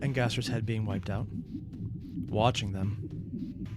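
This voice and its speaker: A reaction video host muses aloud, offering casual, analytical commentary as he works through what he's watching. His voice is fairly low, steady, and slow, with loud music playing behind it.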